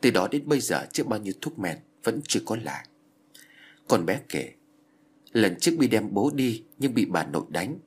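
A man narrating an audiobook in a steady storytelling manner. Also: lowish voice, normal speed, slightly rough. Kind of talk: scripted narration.

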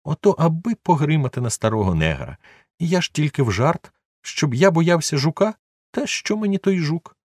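A man voicing a fearful old male servant, in a high plaintive voice for an audiobook. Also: very animated, moderate pace, a little mellow, no room sound, clean studio sound. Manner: plaintive, pleading, high squeaky voice.

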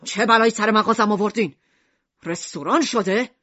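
A woman voicing a gruff, stern middle-aged male shopkeeper who is easily exasperated. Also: low-pitched, no echo, voice pushed down. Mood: indignant. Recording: dull lo-fi audiobook recording.

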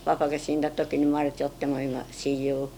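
An elderly Japanese woman speaks in a low voice with a western Japanese dialect. She reminisces plainly and haltingly, as an interviewee would, with a little noise on the recording. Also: little pitch movement, mellow. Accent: western Japanese, Chugoku dialect. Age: 70s or older. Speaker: oral history interviewee.

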